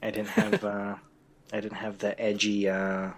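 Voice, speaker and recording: Husky man hosting a casual chat. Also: lowish voice, big pitch swings, measured pace. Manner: leads the topic, laughs often mid-sentence. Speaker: podcast co-host.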